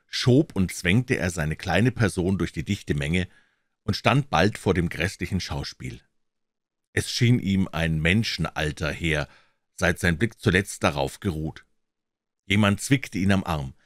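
A man with a very low voice narrates a classic novel with expressive, dramatic storytelling. His pitch moves in a lively way through the sentences, and the recording is dry and close. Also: a little slow, dry recording. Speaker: audiobook reader.

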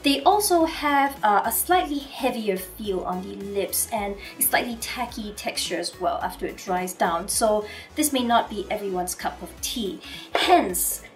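Hoarse, nasal woman reviewing lipsticks. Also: mid-range voice, expressive, a little slow, far from the mic, faint music behind. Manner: chatty, with frequent uh fillers. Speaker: beauty reviewer. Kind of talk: casual product review to camera. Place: Singapore.

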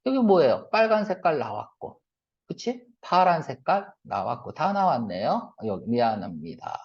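Lively male teacher in a lecture. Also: on the high side. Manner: asks the class quick questions and answers them himself; mixes casual and polite speech. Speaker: English reading teacher. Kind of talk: classroom lecture. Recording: dull lo-fi lecture recording.

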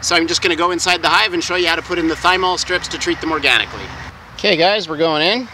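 Man in his forties, vlogger, slightly high voice, friendly step-by-step explainer, outdoor camera audio with steady background noise. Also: fast, poor audio. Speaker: beekeeping vlogger. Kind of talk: casual how-to vlog. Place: outdoors in a garden beside beehives.

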